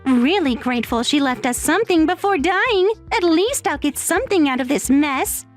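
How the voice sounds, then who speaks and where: A woman voicing a panicked, entitled young wife in a dramatized text story, pleading and shrill. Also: lively intonation, normal speed, soft background music. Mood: bitter.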